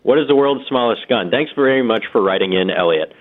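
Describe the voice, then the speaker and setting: A young man answering trivia as a radio guest in a deadpan, measured, precise way. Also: medium pitch. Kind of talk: informative answering with dry banter. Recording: dull, lo-fi call-in audio.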